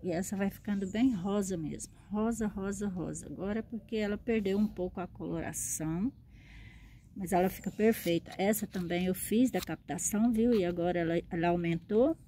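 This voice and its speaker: A woman's voice: medium pitch, moderate pace, mellow, a little hiss or hum. A woman, a succulent grower and seller, chatting fondly in a show-and-tell vlog and often checking in with her viewers.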